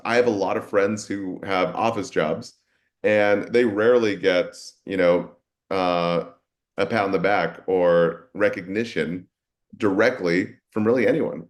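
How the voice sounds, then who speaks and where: Easygoing man with a low voice. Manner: relaxed, with many fillers. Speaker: nurse educator. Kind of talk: casual webinar chat.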